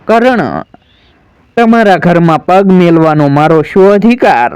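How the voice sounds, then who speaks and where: A man's voice: high-pitched, expressive, measured pace, darkish tone, clean tone, no echo. A man voicing a grieving proud warrior son. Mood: sorrowful. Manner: solemn, pleading, declamatory. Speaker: storyteller. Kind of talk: dramatic storytelling recitation.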